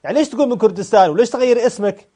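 A male call-in host with a high voice speaks fast and presses callers hard. He repeats their names to cut in and fires off pointed questions. His delivery stays rapid and insistent. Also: expressive, warm tone. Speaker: talk show host. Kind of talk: live call-in debate.

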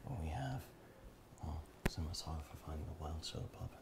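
A man putting on a hushed wildlife-documentary narrator, whispering low and drawn out. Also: expressive, brisk, very noisy. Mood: hushed mock-awe.

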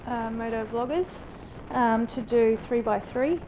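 This motorcycle vlogger, a woman in her late thirties from New Zealand who grew up in Australia, chats casually to her helmet cam on an open country road, blending both accents and often saying um or starting over. She speaks at a measured pace in a fairly high voice. Engine roar and wind fill the background.

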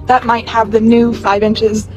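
A young woman in her twenties chats excitedly into her phone camera as she browses store shelves. Her voice sits a little high and she gushes freely. Faint store music plays in the background. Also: a little slow. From California. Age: 20s. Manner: gushing, excitable, chatty. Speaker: vlogger. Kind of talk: casual shopping vlog narration.

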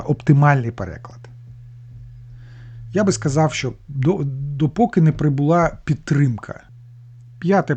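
A man's voice: a little high, warm tone, highs cut off. A man teaching a language lesson, patiently explaining grammar and word meanings step by step, with small restarts.

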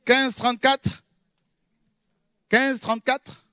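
A man preaching in French, a pastor teaching who repeats key words and swings from loud exclamations to low murmurs. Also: flat delivery, slow pace, smooth, dry recording, clean studio sound. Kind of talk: sermon teaching.

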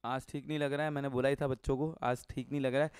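A man's voice: mid-range voice, level tone, fast talker, a little mellow, clear, resonant tone, dry recording. A man teaching a live online commerce class, joking and telling stories, quizzing students and mixing in English phrases. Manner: mixes Hindi with English phrases.

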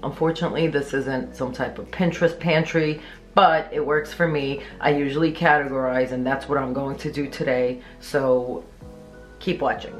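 A woman in her thirties talks through her housework in a clean-with-me vlog, upbeat and matter-of-fact as she explains each step. Her voice sits unusually deep for a woman. Soft music plays faintly under her words in a small home. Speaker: cleaning vlogger. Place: small home, living room and pantry.

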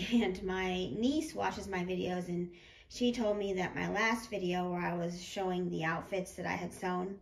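Slightly hoarse, creaky woman vlogger. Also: lowish voice, steady tone, measured pace. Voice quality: slightly harsh, rough voice. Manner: informal, rambling, self-correcting. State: getting over a sickness, slightly hoarse. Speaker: doll collecting vlogger. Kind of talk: casual chatty hobby haul commentary. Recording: roomy echo with clear background noise.

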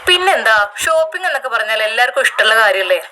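A woman doing a loud pushy younger sister. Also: fairly high pitch, sing-song, very fast, a little hiss or hum, rough recording. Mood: eager. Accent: Malappuram Malayalam.

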